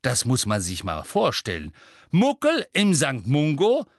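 A man's voice: mid-range voice, expressive, unhurried, dry recording, studio quality, voice pushed up, close to an everyday voice. Man voicing Arthur Weasley, a hasty kindly father. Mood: lively. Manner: raised, hasty when evading. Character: kindly middle-aged wizard father, wounded, evasive.

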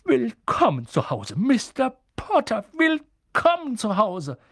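A man's voice: wildly swooping pitch, unhurried, dry recording, studio quality, full character voice. A man playing an awestruck old barman. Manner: hushed, then high and reverent. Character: old bald barman, awed and tearful.

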